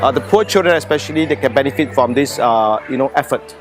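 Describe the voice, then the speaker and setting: Halting man from Singapore, faint music. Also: mid-range voice. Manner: halting, many fillers. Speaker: volunteer giving a testimonial.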